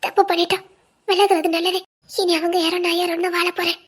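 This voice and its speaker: A woman voicing a gentle, forgiving young wife in an audio drama, soothing and teasing, with a Tirunelveli Tamil accent. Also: very high-pitched, little pitch movement, a little fast.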